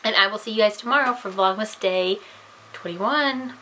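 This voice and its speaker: A woman's voice: medium pitch, normal speed, sharp tone, slight background noise, low-quality recording. A woman vlogger chatting casually while tasting candy on camera, giggly and self-deprecating.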